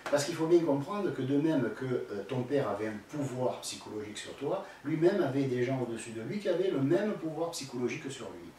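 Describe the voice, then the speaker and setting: This man, a spiritual teacher, responds to a viewer's question with blunt, slangy, filler-heavy advice aimed right at the questioner. He speaks in a warm, animated mid-range voice, a little fast with few pauses. It's recorded far from the mic in a very echoey room with faint background noise.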